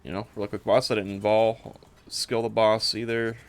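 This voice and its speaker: A streamer shows off a game character build, commenting casually in an offhand, slightly hesitant way as he thinks aloud. His voice is lowish, his delivery flat, and he talks at a normal speed.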